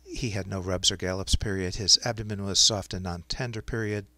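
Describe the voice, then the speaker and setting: A man dictating medical notes aloud to speech recognition software, in clinical phrasing with punctuation spoken out. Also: low-pitched, steady tone, fairly quick, dry recording. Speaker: software demonstrator.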